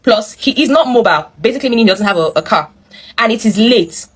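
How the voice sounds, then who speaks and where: A husky, higher-leaning voice with lively intonation belongs to this fast-talking woman with a Nigerian accent. She hosts, reading a viewer's story and offering her reactions. The storytelling is animated and emphatic, with opinions delivered straight to listeners.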